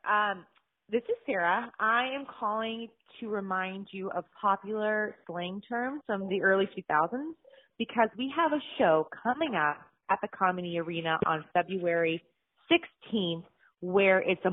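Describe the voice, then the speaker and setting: Woman leaving a chatty voicemail over a landline phone. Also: mid-range voice. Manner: chatty, with fillers and restarts. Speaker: podcast co-host. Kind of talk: casual rambling voicemail. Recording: tinny phone line.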